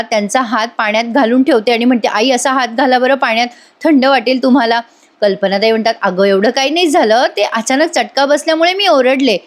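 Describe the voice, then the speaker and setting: Woman, high voice, chatty, talks to viewers, TV serial recap. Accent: Marathi. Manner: chatty, addresses the viewers directly. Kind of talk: retelling a TV episode with voiced quotes.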